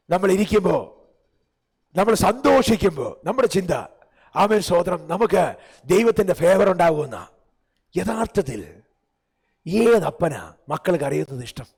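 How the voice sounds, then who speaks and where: A male pastor with a Malayali accent preaching a fervent sermon to his congregation, swinging between drawn-out cries and low, quick asides and firing rhetorical questions at the crowd. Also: gravelly, darkish tone, slightly rough. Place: large church hall.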